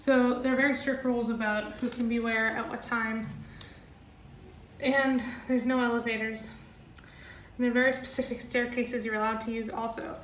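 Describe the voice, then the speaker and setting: A woman's voice: fairly high pitch, flat delivery, moderate pace. A young woman, a music student, chatting giddily in a casual vlog from a large empty practice hall. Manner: giddy, chatty, laughing often. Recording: echoey hall with faint room noise.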